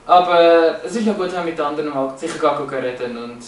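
High-voiced man, echoey lecture room. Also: fast, slight background noise. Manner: hesitant, many fillers and restarts. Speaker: presenter. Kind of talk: explanatory slide talk. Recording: roomy, echoey, from a distance.

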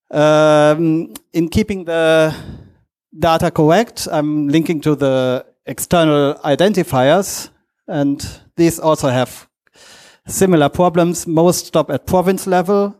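A man who is not a native English speaker gives a lightning talk presentation in a halting, hesitant way, in short fragments. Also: a little high, a little mellow. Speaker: conference speaker.

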